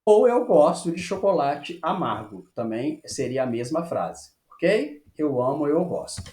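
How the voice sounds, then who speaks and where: A man teaching a French lesson, patiently checking with "ok?" and slowing down to model phrases. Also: on the high side, very animated, warm tone. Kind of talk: online language lesson. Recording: echoey room.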